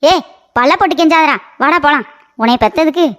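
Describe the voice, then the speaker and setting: A woman's voice: high-pitched, a little fast, a bit bright, soft background music. A woman voicing a quarrelsome, scolding middle-aged mother in a comic cartoon. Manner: scolding, taunting.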